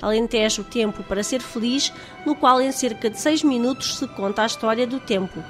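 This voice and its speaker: A woman reporter reading a scripted news voice-over in an even, measured way. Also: on the high side. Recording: voice-over with music bed.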